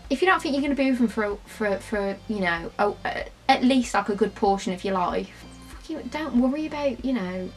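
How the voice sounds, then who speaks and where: A woman's voice: on the high side, animated, a little fast, soft background music. A tipsy young British woman chatting casually and bluntly to camera in an informal question-and-answer style. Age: young adult. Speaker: vlogger.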